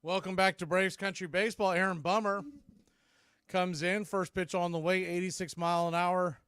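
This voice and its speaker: A baseball radio announcer calls the game live in short, clipped phrases of play-by-play commentary. His voice sits high with a fairly bright tone, and he keeps a level delivery at normal speed.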